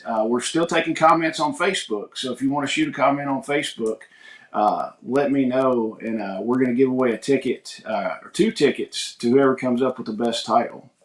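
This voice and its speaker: Medium-pitched and moderately paced, a livestream host from the United States in his 40s rambles folksily through a casual morning stream. He greets people by name and reads out viewer comments, his voice echoing in the room.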